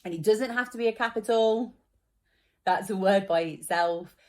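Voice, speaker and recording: A woman's voice: mid-range voice, moderate pace, a little mellow. A young woman teaching a children's spelling lesson, patient and encouraging, explaining each word step by step.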